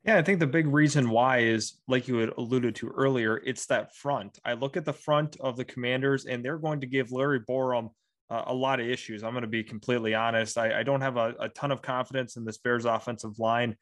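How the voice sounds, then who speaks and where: A young man co-hosting a sports podcast offers casual game analysis, sprinkling in many fillers like "you know." His mid-range voice is a bit bright, with a steady tone and brisk pace.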